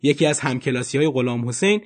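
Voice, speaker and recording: A man narrating a documentary podcast episode in an expressive storytelling manner. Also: mid-range voice.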